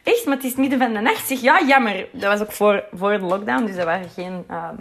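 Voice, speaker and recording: A woman's voice: medium pitch, brisk, slight background noise. A young woman with a Flemish accent telling a story in a casual, chatty way, full of fillers and acted-out quotes with English swears thrown in.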